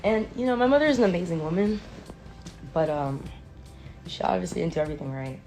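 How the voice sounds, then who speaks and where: Animated woman telling a painful story. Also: lowish voice, fast, faint music behind. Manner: animated, acts out scenes, slangy with "yo" and "bro". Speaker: interviewee recalling her childhood. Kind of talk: emotional storytelling.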